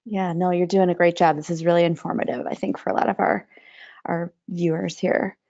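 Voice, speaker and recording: Woman moderating a webinar, brisk. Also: fairly low pitch, level tone, creaky, a little mellow, highs cut off.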